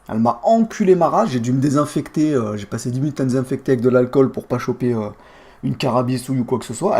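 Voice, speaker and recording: A man's voice: medium pitch, a little mellow. A young man from France streaming live, telling a heated story in crude street slang. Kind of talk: casual live-stream rant.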